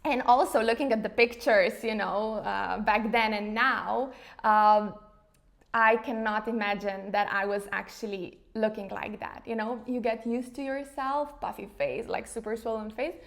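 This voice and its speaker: A woman's voice: fairly high pitch, steady tone, unhurried, creaky. Chatty woman in her thirties from Slovenia. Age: 30s. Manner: chatty, with frequent fillers like "you know" and "like". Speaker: interview guest, face yoga founder. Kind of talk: casual conversational interview.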